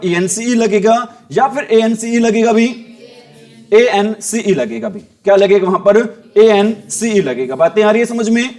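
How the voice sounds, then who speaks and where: Man with a high voice, Haryanvi accent, spelling teacher, asks questions and answers them himself, repeats rules. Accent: Haryanvi Hindi. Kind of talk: classroom lesson.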